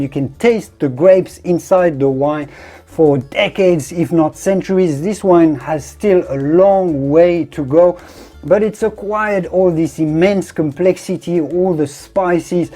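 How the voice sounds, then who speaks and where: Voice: mid-range voice, slow, mellow, faint music behind. A wine connoisseur presenting a tasting in an effusive, descriptive way, leaning on emphatic superlatives. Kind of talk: presenter-style product review and tasting commentary.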